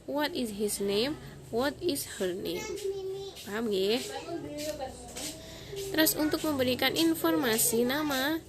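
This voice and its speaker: A woman teacher, giving a slow, clear lesson to young children, spelling letters out and singing the alphabet. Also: sits high. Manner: slow, clear spelling and sung alphabet, Javanese-polite asides. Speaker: primary school English teacher.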